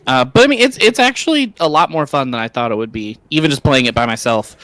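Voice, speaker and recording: A man's voice: medium pitch, lively intonation, fast, a bit bright, dry recording. A man in casual gaming chat as a livestream panelist, informal and amused at himself.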